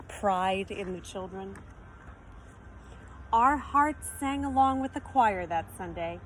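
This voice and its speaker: A woman with a medium-pitched voice reads a children's picture book expressively, like a teacher who stops to explain words and ask the audience questions. The recording is rough, with faint background noise.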